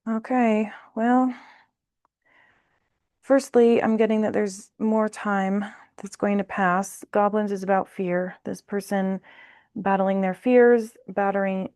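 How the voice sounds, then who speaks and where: A woman's voice: mid-range voice, level tone, slow, a little mellow, smooth, no echo, studio quality. A woman doing a casual tarot reading, thinking aloud in a blunt, exasperated way. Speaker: tarot reader.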